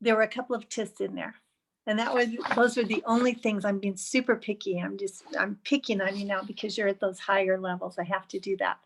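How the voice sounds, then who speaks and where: There's a little hiss or hum as a woman with a medium pitch and vocal fry talks briskly in a flat delivery over a video call on a computer mic. Serving as speech evaluator in an online club meeting, she gives chatty, encouraging, and gently picky feedback.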